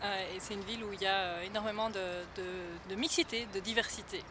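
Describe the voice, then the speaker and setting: A woman giving a documentary interview, thoughtful and hesitant with many pauses. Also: medium pitch, steady tone. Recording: clear street noise behind.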